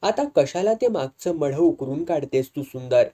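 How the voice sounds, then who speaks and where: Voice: medium pitch, animated, moderate pace, mellow, natural voice. A storyteller voicing a bedridden, ailing old man who is sarcastic and bitter. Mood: scolding. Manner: sarcastic, scolding.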